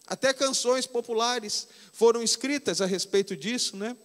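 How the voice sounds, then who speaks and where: A Brazilian man in his fifties, a pastor preaching conversationally and slowing down to stress key phrases. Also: very high-pitched, big-room sound. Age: 50s. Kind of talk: sermon. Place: church hall.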